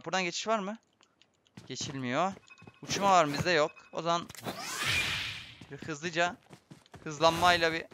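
A man's voice: on the high side, noisy background. A young man commenting live on his own gameplay for viewers, muttering his plans and then bursting out in frustration. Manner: excitable, swings between muttering and frustrated outbursts; addresses viewers constantly. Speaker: gaming streamer.

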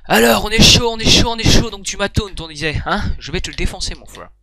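A man's voice: sits high, quick pace, gravelly, over music. A young man giving casual let's-play commentary, joking and trash-talking the game with crude humor. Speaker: gaming YouTuber.

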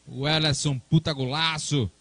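A man's voice: fairly high pitch, fairly even intonation, normal speed, fairly bright tone, no room sound. A man calling a football match live in a chatty, colloquial way. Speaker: football play-by-play commentator.

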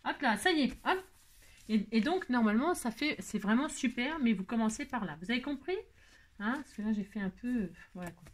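Woman crafting host, tired, chatty and self-deprecating, slightly high voice, talks to the viewer. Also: expressive, a little fast. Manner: chatty, self-mocking, addresses viewers directly. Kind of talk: casual crafting tutorial.

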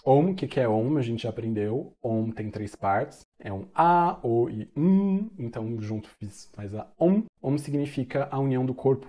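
A man, a Buddhist monk teaching in a casual explanatory video, breaking now and then into slow chanting of a mantra. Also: mid-range voice, dark tone. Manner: conversational, chants the mantra slowly in places.

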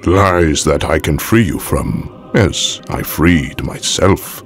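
Count Dooku, very deep villain. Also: male voice. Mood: coaxing. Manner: measured, formal, silkily menacing. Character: evil elderly aristocratic Sith count, calmly manipulative villain. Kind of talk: fan audio drama villain acting.

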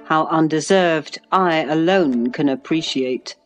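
A woman narrating a classic novel aloud in a measured, even literary reading. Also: low voice, faint music behind. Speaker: audiobook narrator.

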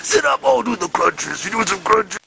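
High-voiced playful dad. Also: male voice, expressive, normal speed, gravelly, noisy background. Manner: playful, announcing. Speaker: father. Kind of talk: casual family vlog.

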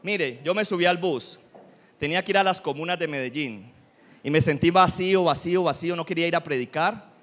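Man, pastor, sermon, high voice, humorous, middle-aged. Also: a little fast. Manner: humorous, animated preaching with audience questions.

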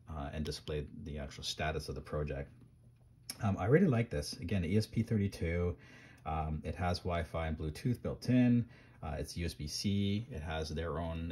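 Deep-voiced male maker, loose workbench walkthrough, lots of fillers, light background noise. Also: darkish tone. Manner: rambling, many ums and restarts. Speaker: maker reviewing microcontrollers. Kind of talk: casual hands-on tech demo.

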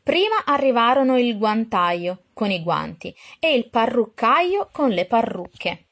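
A woman reading a fairy tale aloud for a children's dance class, calm and expressive. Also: a little high, measured pace. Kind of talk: storybook read-aloud.

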